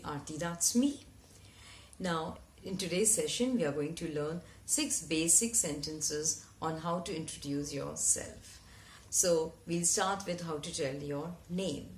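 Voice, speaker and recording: A woman teaching a French lesson, who spells out each phrase slowly and repeats it. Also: low-pitched. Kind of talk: slow, deliberate language lesson. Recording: echoey room.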